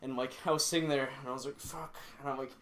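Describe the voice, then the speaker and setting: A man's voice: mid-range voice, fairly even intonation, quick pace, fairly bright tone, a little hiss or hum. Young podcast host guy, loose rambly storytelling, cusses a lot, laughs between bits. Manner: rambling, swears a lot, laughs while telling stories. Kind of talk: casual chat.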